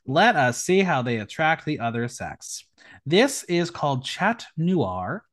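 A man's voice: very animated, takes it slowly, fairly bright tone. A man hosting a podcast, recapping a TV episode in a campy, sarcastic manner. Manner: campy, sarcastic, with sudden pitch jumps. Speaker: podcast host.

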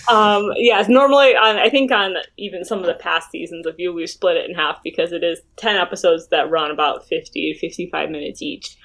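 A woman hosting a podcast in casual, chatty, animated conversation, her speech slightly slurred from a sore tongue. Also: lowish voice, a little fast, few pauses. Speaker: podcast host. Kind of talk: casual podcast chat about a TV series.

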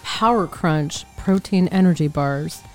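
A woman's voice: fairly low pitch, unhurried, darkish tone, faint music behind. A woman chatting playfully on her husband's podcast. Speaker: host's wife, co-host. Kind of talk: casual podcast chat.

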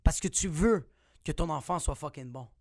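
A man's voice: fairly high pitch, moderate pace, vocal fry, no echo, clean studio sound. A young man with a Quebec French accent doing a playful, profanity-laced comic monologue on his podcast. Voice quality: swears a lot, animated and playful. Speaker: podcast host.

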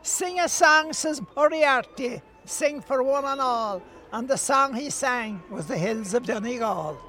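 A man's voice: very high-pitched, lively intonation, measured pace, bright, forceful tone, faint music behind. An older man with an Irish accent, talking and reciting verse in a storytelling way.

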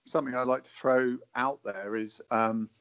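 A man's voice: mid-range voice, steady tone, normal speed, fairly bright tone. A man talking thoughtfully and hesitantly in conversation, often repeating words as he works out a point. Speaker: natural navigation advocate, guest. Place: indoors in a wooden cabin. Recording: dull, muffled lo-fi audio.

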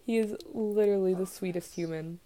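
A young woman chatting as a podcast guest, gushing and warm in what she says, with many fillers and little laughs. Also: mid-range voice, a little fast. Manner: gushing, lots of fillers and giggles. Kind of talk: casual podcast chat.

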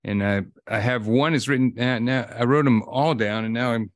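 A man hosting a podcast in a conversational, halting manner, repeating words as he goes. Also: medium pitch, no echo, studio quality. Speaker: podcast host. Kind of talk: conversational introduction of a guest.

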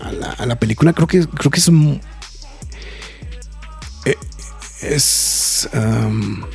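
A man's voice: mid-range voice, expressive, slow, gravelly, darkish tone, faint music behind. A man with a Mexican accent, co-hosting a casual film review chat, emphatic and full of slangy fillers. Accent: Mexican Spanish.

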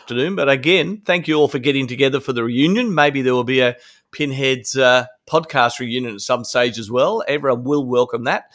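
A man with an Australian accent and a medium-pitched voice hosts a podcast. His style is casual and conversational. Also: a little fast, a bit bright. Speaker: podcast host. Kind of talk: casual hosting.

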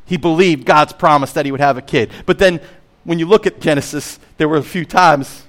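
A man preaching a sermon as pastor, emphatic, slowing on key phrases, swinging between loud and hushed, and asking the listeners direct questions. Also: on the high side. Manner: emphatic preaching with wide swings in loudness and slowed stressed phrases; asks the congregation direct questions.

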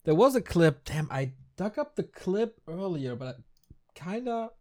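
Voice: medium pitch, sing-song, measured pace, dark tone. A co-host chatting casually on a podcast, laughing often and sounding upbeat. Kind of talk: casual chat.

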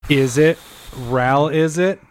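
A man's voice: a little high, slow pace. A man co-hosting a podcast, chatting casually about card games and laughing often as he jokes around. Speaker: podcast co-host.

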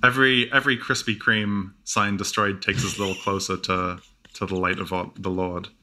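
A man co-hosting a podcast in a relaxed, joking chat, his delivery dry and deadpan. His voice is strikingly bright and sits a little low. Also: moderate pace. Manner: deadpan, dry repetitive jokes. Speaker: podcast co-host. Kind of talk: casual comedic chat.

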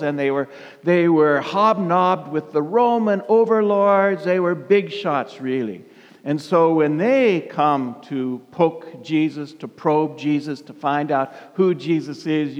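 A man preaching an informal, conversational sermon, with colloquial, folksy phrasing and a halting delivery. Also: a little high, highs cut off. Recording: reverberant hall.

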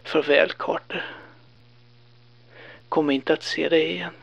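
A man playing a doomed man's hushed pleas. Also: on the high side, level tone, vocal fry, breathy edge, highs cut off. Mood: urgent whisper. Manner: urgent hushed pleading. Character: desperate doomed man whispering from underground. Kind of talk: horror audio drama.

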